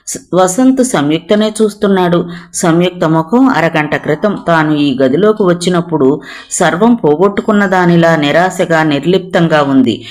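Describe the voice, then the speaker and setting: Steady reader voicing a whole novel. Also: medium pitch. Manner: steady even reading, voicing all characters. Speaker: narrator. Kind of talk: reading a novel aloud.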